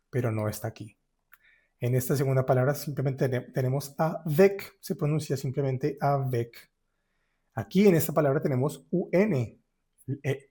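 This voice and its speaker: Man teaching French vowels, slow demonstrations. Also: medium pitch, mellow, slightly rough. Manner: slow, drawn-out syllable-by-syllable demonstration. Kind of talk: pronunciation lesson.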